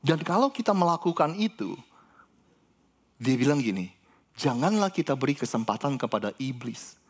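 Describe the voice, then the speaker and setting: A man in his thirties preaching a sermon, animated and chatty, rising to emphatic peaks and turning to the congregation with asides. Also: mid-range voice, moderate pace, slightly rough. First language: Indonesian. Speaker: pastor.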